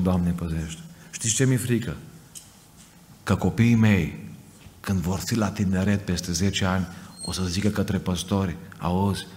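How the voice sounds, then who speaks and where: A man's voice: deep voice, a little mellow. A man from Romania preaching an emphatic Pentecostal sermon to a congregation, acting out quoted voices. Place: church. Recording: church hall reverb, faint noise.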